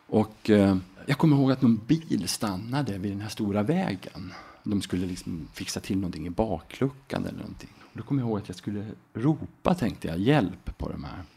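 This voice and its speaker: A middle-aged man from Sweden, a podcast guest, telling a story in a relaxed, halting way with frequent tag questions. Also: fairly low pitch, slightly rough. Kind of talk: casual storytelling.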